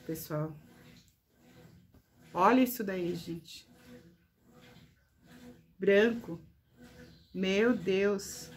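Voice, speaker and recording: A woman's voice: medium pitch, a little hiss or hum. A woman showing her handmade crafts to viewers in a casual vlog, gushing with praise and often calling out to her audience. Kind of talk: casual show-and-tell vlog.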